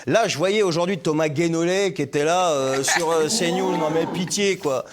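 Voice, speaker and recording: A man from Lebanon argues on a talk-show panel, blunt and emphatic, with a loose colloquial manner. His voice sits a little higher than most men's. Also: moderate pace, noisy background. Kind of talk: studio talk-show debate.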